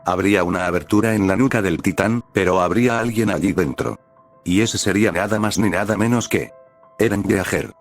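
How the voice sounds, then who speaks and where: A man reads a fan story aloud in a low, plain, even voice. Soft music plays faintly under his narration. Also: brisk. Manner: plain, even reading with speaker tags. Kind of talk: reading a fan fiction aloud.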